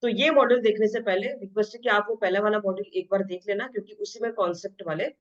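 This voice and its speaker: A woman teaching an exam-prep math lesson, switching between Hindi and English. She reads the questions out slowly and explains them quickly. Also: medium pitch. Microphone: screen-share voice recording. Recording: slightly dull lo-fi audio.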